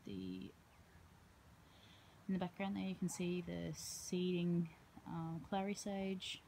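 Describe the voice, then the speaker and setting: A woman's voice: fairly low pitch, big pitch swings, slow pace, gravelly, warm tone, a little hiss or hum, poor audio. A woman, a herbalist giving a casual tour of her outdoor garden, talking into a handheld phone in a rambling way with frequent ums.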